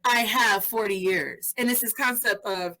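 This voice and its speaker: A woman in her thirties hosts a podcast interview in casual chat, talking animatedly and mixing Spanish phrases into her English. Her medium-pitched voice is unhurried with a sharp tone, and the audio is poor.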